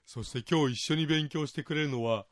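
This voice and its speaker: A man hosting a radio dialect lesson, with a Niigata accent and a chatty manner full of small halting restarts. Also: a little high, no room sound, clean studio sound. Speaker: host.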